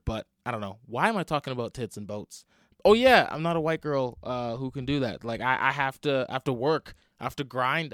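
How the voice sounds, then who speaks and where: A man's voice: mid-range voice, no room sound, clean studio sound. Self-deprecating man with a split, swollen lip. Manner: rambling, self-deprecating, swearing freely. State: swollen, bruised upper lip; tired and hungover. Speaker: podcast host and comedian. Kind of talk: casual solo comedy podcast chat. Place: at home in a basement.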